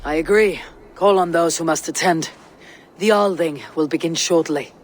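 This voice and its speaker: An actor playing a commanding, loyal Viking warrior in a video game, speaking in a measured, formal, encouraging way. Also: male voice, fairly high pitch, big-room sound, slight background noise, close to an everyday voice. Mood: commanding, calm. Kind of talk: dramatic video game acting.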